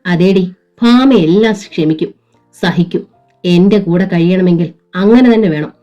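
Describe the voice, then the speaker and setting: A woman performing a bitter, jealous middle-aged man in a storybook reading. He growls his accusations low and dark, full of scorn. The sound is muffled and lo-fi, with soft music underneath. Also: unhurried, natural voice. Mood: scornful angry. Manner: harsh, scornful growling retorts. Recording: dull lo-fi with faint music.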